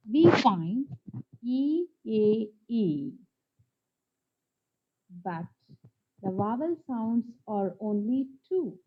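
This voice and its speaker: Slow, lively-pitched woman teaching phonetics. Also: muffled recording. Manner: slow and deliberate, repeating each example word. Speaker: English teacher. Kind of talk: phonetics lesson.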